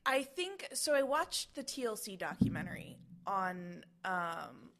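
A woman's voice: medium pitch, sing-song, measured pace, a bit bright. A woman in her twenties co-hosting a podcast, chatting casually with many fillers and restarts. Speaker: podcast co-host. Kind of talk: casual chat.

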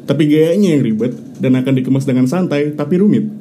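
A man's voice: a little high, a little fast, mellow, a little hiss or hum. A young man co-hosts a casual podcast, talking informally in slang with some English mixed in. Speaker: podcast co-host. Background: music.

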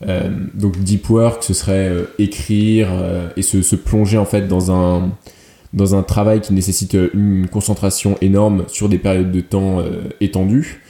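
A man with a low, very dark and mellow voice explains his views in a casual podcast. He pauses often to think. His voice rings in a roomy, echoey space. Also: level tone, vocal fry. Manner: reflective, explanatory, hesitant. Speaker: podcast co-host. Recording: roomy echo.

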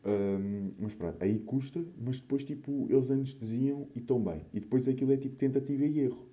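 A man's voice: medium pitch, brisk, mellow, dull audio. A young man with a European Portuguese accent chatting casually and alone as a host, rambling through anecdotes with slang and swearing, his mouth a bit swollen after wisdom tooth removal. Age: young adult. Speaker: podcast or vlog host.

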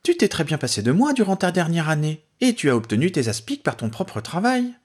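A clever young woman who corrects her friend with steady patience, as a male reader raises his voice for her. The voice climbs high and swings about, with a husky edge. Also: brisk. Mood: patient. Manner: raised pitch, patient and sure.

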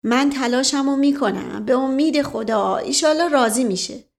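Smooth-talking older charmer, voiced by a woman, teasing, lifted pitch, louder, audiobook. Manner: coaxing, playful. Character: charming older male nobleman, smooth-talking ladies' man. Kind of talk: audiobook character reading.

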